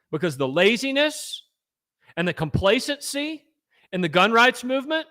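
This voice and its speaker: Guy ranting on a livestream, high voice, swings way up and down, real combative. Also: fairly bright tone. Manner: combative, rallying, punchy. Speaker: gun rights advocacy host. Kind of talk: fiery livestream advocacy talk.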